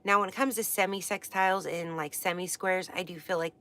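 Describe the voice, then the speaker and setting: A woman from the US west coast teaches astrology during a casual livestream book study, chatty and rambling, full of fillers and restarts. Her lowish voice sounds pushed and bright, fairly quick, with fairly even intonation.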